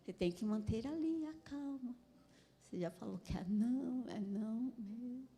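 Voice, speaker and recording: A woman's voice: a little high, moderate pace, dark tone, long reverb tail. A woman with a Brazilian Portuguese accent giving a conversational church talk on parenting, chatty, laughing often and asking listeners for agreement. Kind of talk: conversational sermon with personal stories.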